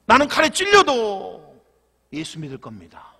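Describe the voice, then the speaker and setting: A man's voice: high-pitched, huge pitch swings, normal speed, vocal fry, pushed and bright, full character voice. A man voicing a young, devout grandson who answers firmly and earnestly, in a reverberant church hall. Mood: steadfast.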